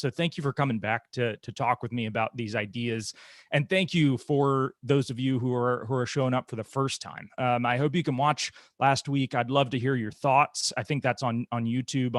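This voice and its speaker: A man's voice: medium pitch, no room sound, studio quality. A man guiding an online poetry workshop in a chatty, self-deprecating way, full of fillers and restarts, speaking into a computer mic. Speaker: guest presenter, poetry teacher. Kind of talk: casual online workshop talk.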